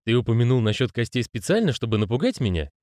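A male reader voicing a nervous, quick-tongued con man. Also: mid-range voice, big pitch swings, a little mellow, no room sound, studio quality, close to an everyday voice. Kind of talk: audiobook character voicing.

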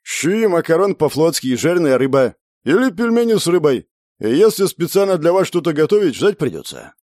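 Heavyset innkeeper, matter-of-fact and brisk, played by a male narrator; dry close sound. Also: fairly high pitch, big pitch swings, darkish tone, no echo, pitched above the performer's own voice. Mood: businesslike. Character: heavyset middle-aged male innkeeper, businesslike.

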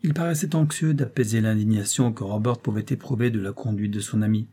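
A man narrating a classic novel as an audiobook in a measured, even reading. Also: on the low side, husky. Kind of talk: scripted narration.

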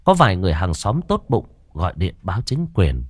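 Dramatic low-voiced storyteller man. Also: sing-song, fairly quick, husky, no room sound. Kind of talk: scripted horror narration.

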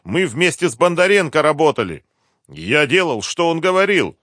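A male narrator voicing a panicked, cornered male driver who pleads in a shrill, frantic voice. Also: very animated, normal speed, fairly bright tone, dry recording, clean studio sound. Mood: frightened. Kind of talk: audiobook character voice.

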